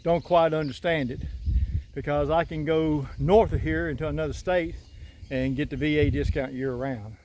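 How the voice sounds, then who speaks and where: For a casual walkthrough vlog, an older homesteader from the Southern United States films his rural garden outdoors on a phone held by a selfie stick. He rambles folksily in a drawl, his slightly high, slightly mellow voice steady in tone at a normal speed, with a little hiss or hum.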